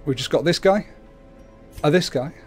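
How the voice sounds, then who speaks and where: A man's voice: fairly high pitch, moderate pace, a little mellow, faint music behind. A man hosting a livestream, casually explaining the video game he plays. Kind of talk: casual explanatory gameplay commentary. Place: indoors at a computer, webcam.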